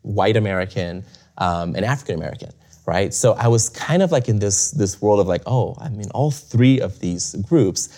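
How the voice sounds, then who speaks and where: The voice is lowish and mellow, with lively intonation and normal speed. A young adult man who grew up in Bulgaria is the guest in a casual interview, thinking out loud with plenty of fillers, restarts and chuckles.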